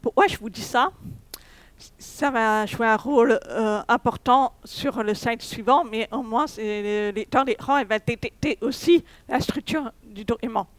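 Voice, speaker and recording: Smooth-voiced woman giving a tech talk. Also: on the high side, a little slow, dry recording. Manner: hesitant, many fillers and restarts. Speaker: conference speaker. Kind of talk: technical conference talk. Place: conference hall.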